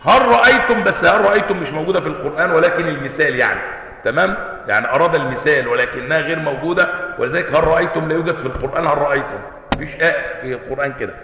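A man with an Egyptian accent giving a religious lesson. He chants the recited examples and then quizzes his listeners with quick rhetorical questions. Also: a little high, bright, forceful tone. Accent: Egyptian Arabic. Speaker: sheikh teaching a classical text. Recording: echoey hall with long reverb.

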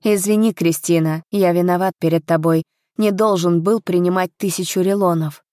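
A woman's voice: on the low side, fairly even intonation, moderate pace, dark tone, no echo, studio quality, close to an everyday voice. A woman voicing a remorseful young nobleman who confesses in a grave, sober tone.

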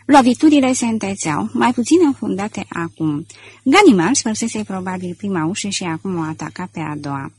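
O femeie care citește o carte audio cu un ritm așezat și măsurat. Vocea ei are un timbru ușor voalat, aproape șoptit pe alocuri. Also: female voice, mid-range voice, breathy edge. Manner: steady, measured storytelling. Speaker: audiobook narrator. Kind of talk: scripted narration.

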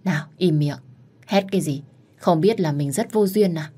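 A cocky young servant lad teases and dares in a low, brash voice, as a woman reading a storybook puts him on. He is bossy and mocking, but fond underneath. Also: moderate pace, warm tone, husky. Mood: teasing. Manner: brash, teasing.

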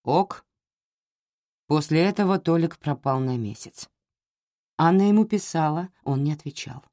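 A woman reading a novel aloud as an audiobook narrator, measured and expressive. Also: low voice, dry recording, clean studio sound.

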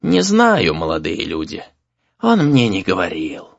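A man voicing a short, sturdy old sorcerer who teaches apprentices and answers slowly and curiously. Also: sits low, huge pitch swings, gravelly, dry recording, highs cut off, pitched below the performer's own voice, heavily acted. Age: over 60.

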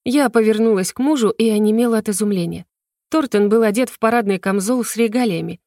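Measured woman narrating a novel. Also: medium pitch, dry recording, clean studio sound. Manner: even, measured storytelling. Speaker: audiobook narrator. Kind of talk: first-person novel narration.

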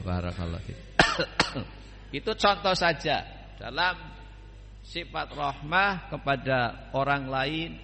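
Slow, bright-voiced religious teacher. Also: male voice, medium pitch, gravelly, a little hiss or hum. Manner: unhurried, addresses students directly with homely examples. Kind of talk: religious study lecture. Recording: long hall reverb.

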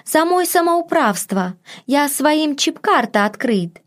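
A woman's voice: high-pitched, big pitch swings, voice pushed up, full character voice. A woman voicing a flustered middle-aged maid who chatters in broken, garbled speech. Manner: fast, garbled, ungrammatical chatter.

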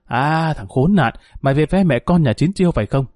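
Man doing loud-mouthed tough woman, bellowing, insulting, hot-tempered, lively pitch. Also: fairly quick, no echo, clean studio sound, close to an everyday voice. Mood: furious.

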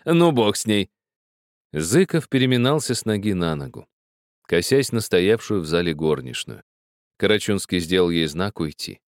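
A deep-voiced male narrator reading a story with a lively, expressive intonation. The recording is dry and close, with no room sound. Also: moderate pace, dry recording. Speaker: audiobook narrator. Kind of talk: scripted narration.

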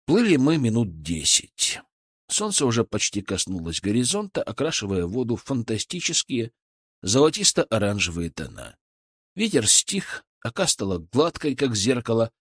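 Male narrator, audiobook, animated pitch, dry close mic, middle voice. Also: no echo. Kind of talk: scripted first-person fantasy narration.

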